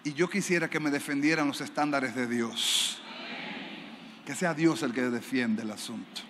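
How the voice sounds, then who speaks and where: A man's voice: mid-range voice, normal speed, fairly bright tone. A man preaching a sermon as pastor, telling a story and acting out the dialogue with animation. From Dominican Republic. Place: large church sanctuary. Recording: reverberant church hall, faint noise.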